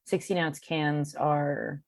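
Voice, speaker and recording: A woman chatting casually as a podcast guest, self-deprecating and full of halting restarts. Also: low voice, fairly even intonation, no echo, clean studio sound. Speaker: guest, cartoonist and beer educator.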